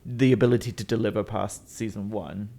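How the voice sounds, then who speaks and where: A man's voice: on the low side, fairly even intonation, a little fast, gravelly, warm tone. A man in his twenties co-hosting a podcast in casual banter, blunt, sarcastic and dismissive. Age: 20s. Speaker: podcast co-host.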